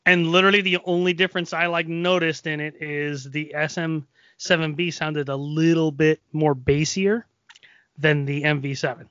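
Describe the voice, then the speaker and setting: A man with a nasal, somewhat high voice rambles casually through a podcast story, full of fillers. The sound is dry and a little dull. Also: little pitch movement, normal speed, fairly bright tone, smooth, dry recording. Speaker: podcast co-host. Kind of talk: casual chat. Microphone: XLR microphone.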